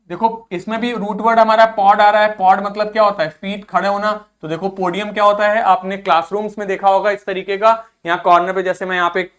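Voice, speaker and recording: In a recorded, classroom-style vocabulary lesson, a man explains English words in Hindi, sprinkling in English terms. His voice is high and a bit bright, and he repeats every word for pronunciation practice and tests his audience with questions.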